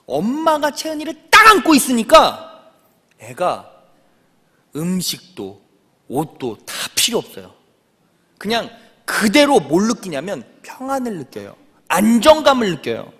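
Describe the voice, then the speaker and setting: A man's voice: high-pitched, sharp tone, slightly rough. A young adult male pastor preaching a sermon, telling a family story and putting questions to the congregation. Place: church sanctuary. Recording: church sanctuary reverb.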